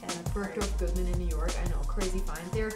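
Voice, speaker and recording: A young woman with a lowish voice talks fast, chatting with enthusiasm about her clothes. She's a fashion blogger from Munich, Germany, showing her wardrobe in a laid-back interview and saying "like" and "you know" constantly. The recording has room echo and music behind it.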